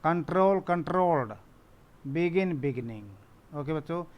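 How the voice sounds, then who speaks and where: Man teaching spelling, Indian accent, slow deliberate delivery, slightly high voice, asks and answers his own questions. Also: animated, highs cut off. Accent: Indian English. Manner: reads English rules slowly, explains in Hindi; repeats questions and answers them himself. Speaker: English teacher. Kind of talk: classroom lesson explaining rules.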